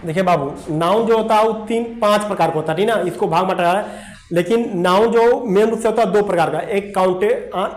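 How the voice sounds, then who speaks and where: Speaking a little fast in a high voice, a man teaches grammar at a whiteboard. Letter by letter he spells out words, checking with the class again and again through repeated "देखिए" and "ठीक ना". Faint background noise fills the echoey room.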